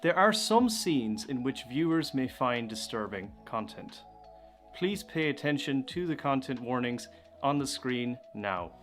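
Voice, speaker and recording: A man's voice: mid-range voice, sing-song, measured pace, fairly bright tone. An Irish man giving a formal introduction before a live stage production. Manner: clear, formal announcing. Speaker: announcer. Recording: faint music behind.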